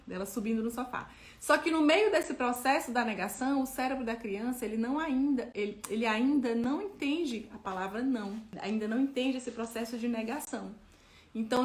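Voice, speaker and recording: A woman gives parenting advice straight to the listener, chatty and explanatory, checking in with little tag questions as she goes. Her voice sits on the higher side, and the room gives it a noticeable echo. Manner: conversational, many tag questions. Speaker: parenting educator. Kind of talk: explaining parenting tips to camera.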